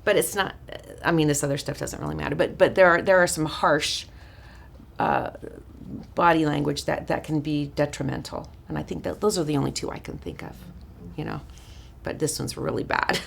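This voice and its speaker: Raspy-voiced woman teaching a workshop. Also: deep voice, steady tone, moderate pace, a little hiss or hum. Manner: chatty, warm-hearted asides with frequent restarts and fillers. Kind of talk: informal teaching talk to a small group.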